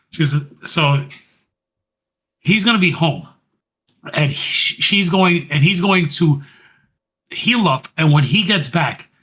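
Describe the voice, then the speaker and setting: A man co-hosting a podcast, excitedly retelling a wrestling segment in casual chat. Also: on the high side. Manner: animated, retells scenes by quoting and laughing. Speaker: podcast co-host.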